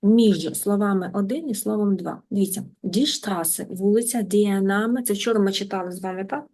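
A German teacher leads an online language class in an even, middle-pitched voice. Patient and deliberate, she slows down to repeat each new word and drills her students on it.

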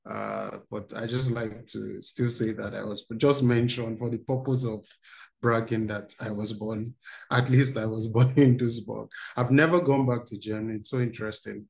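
A man's voice: lowish voice, steady tone, normal speed, creaky, darkish tone. A man, running an interactive online workshop for teens over a video call. He talks in an upbeat way and reads out replies from the chat. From Nigeria. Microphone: video call webcam.

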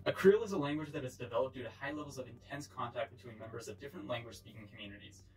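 A man in his twenties narrates an educational script at a fast clip. His delivery is formal and explanatory, with a mid-pitched voice. Faint music plays behind him. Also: darkish tone, rough recording. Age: 20s. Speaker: presenter.

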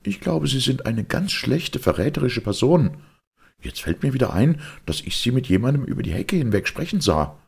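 A fretful elderly lady, voiced by a male reader, scolding and indignant. Her voice rises and bobs with agitation over a gravelly, husky texture, in a storybook reading. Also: on the low side, very animated, moderate pace, voice pushed up, heavily acted.

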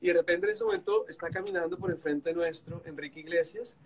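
A man's voice: a little high, big pitch swings, brisk, slight background noise, rough recording. A man with a Colombian accent telling stories animatedly on a video call, mimicking others and laughing. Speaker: guest on a live stream. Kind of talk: casual storytelling on a video call.

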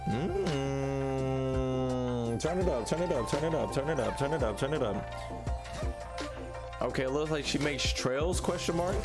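A young man hosting a reaction video speaks at medium pitch, animated yet a little slow, with long pauses. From a small indoor streaming setup, he gives casual, slangy commentary, repeating phrases in bursts while music from the trailers he watches plays in the background.

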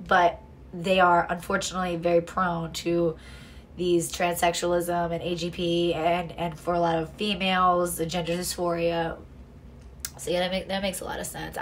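Her voice runs low, and faint background noise accompanies this young adult's casual true crime commentary from a small room at home. She is blunt and profane, slipping in sarcasm and frequently starting sentences over.

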